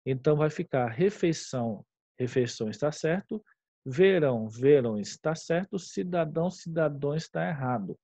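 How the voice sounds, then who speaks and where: A man's voice: fairly high pitch, animated, measured pace, mellow, dry recording. Brazilian man explaining grammar. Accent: Brazilian Portuguese. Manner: explanatory, checks in with "tá?" and "tudo bem?". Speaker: teacher. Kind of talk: grammar lesson walkthrough. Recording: dull lo-fi recording.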